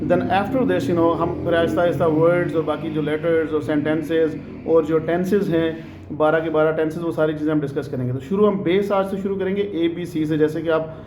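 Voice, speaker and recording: A man teaching an online group English lesson over a video call, explaining patiently and drawing out letters and words slowly for students to repeat. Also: on the high side, flat delivery, a little mellow, reverberant, a little hiss or hum. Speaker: English tutor.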